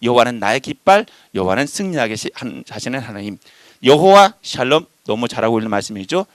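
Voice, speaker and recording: A man preaching a sermon, animated and emphatic, addressing the congregation directly. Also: a little fast, no room sound. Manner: animated, voices shifting pitch and loudness for emphasis.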